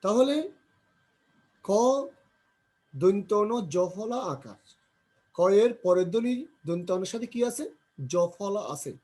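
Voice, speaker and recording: His voice sits high, expressive and a touch mellow, as he works slowly through a grammar lesson. He repeats example words for pronunciation practice and asks questions only to answer them himself.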